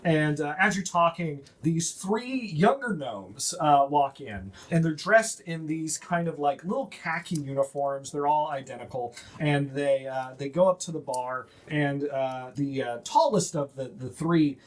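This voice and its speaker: A game master narrating a tabletop game, often pausing and restarting mid-sentence. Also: mid-range voice. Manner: hesitant, many fillers and restarts.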